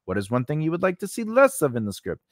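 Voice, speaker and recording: On the high side and with huge pitch swings, this man in his forties talks fast while hosting an informal screenwriting lesson. There's no room sound, since he's close on a large condenser microphone on a boom arm in his small home studio. His delivery rambles, full of "you know" and "right?"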